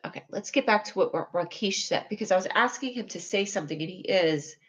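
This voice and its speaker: Talking fast in a medium-pitched voice over lo-fi sound, a young streamer chats with her audience in a whiny, needy tone. Her scatterbrained rambling mixes self-deprecation with occasional excited squeals.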